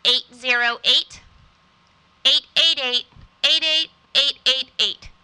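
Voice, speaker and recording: A woman's voice: high voice, slow pace, bright, forceful tone, clean tone, exaggerated voice, poor audio. A woman playing an officious, condescendingly polite mortgage phone clerk in a comedy sketch. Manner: scripted, condescending customer-service politeness.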